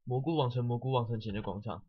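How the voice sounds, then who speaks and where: A man's voice: mid-range voice, quick pace, slightly rough, muffled recording. A man giving casual let's-play commentary, sarcastic and swearing often while mockingly reading the game's text aloud.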